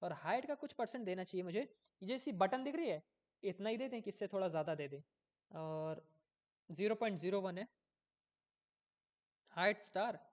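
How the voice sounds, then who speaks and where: A man's voice: sits high, normal speed, long pauses, muffled recording. Man thinking aloud through code. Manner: thinks aloud while coding, often loses his place; chatty, checks in with viewers. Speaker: coding tutor. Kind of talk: casual screen-recorded coding tutorial.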